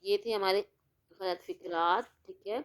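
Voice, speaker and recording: Woman teacher, recorded lesson, smooth clear voice, asks and answers her own questions. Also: medium pitch, steady tone. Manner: stretches out words slowly when spelling. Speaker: school teacher.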